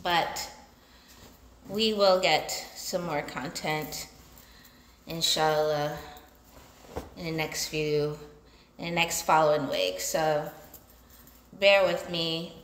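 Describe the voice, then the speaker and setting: Recorded by a phone propped about arm's length or more away, this thirtysomething solo entrepreneur and vlogger speaks casually to camera, pausing between short, unhurried phrases as she does chores. Her voice sits low with fairly even intonation. The large basement-like room with exposed pipes is echoey, and slight background noise is present.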